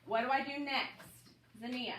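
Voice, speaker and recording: A woman teacher with a high, steady voice and moderate pace leads a classroom phonics lesson, upbeat and coaxing as she calls on students by name. The recording is roomy, with a distant mic and audible noise.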